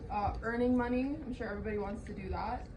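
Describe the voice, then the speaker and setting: A young woman from Canada hosting a casual financial workshop in a relaxed, chatty way. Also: fairly high pitch, quick pace, muffled recording. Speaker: workshop host. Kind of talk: casual group workshop talk. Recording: distant mic with loud noise.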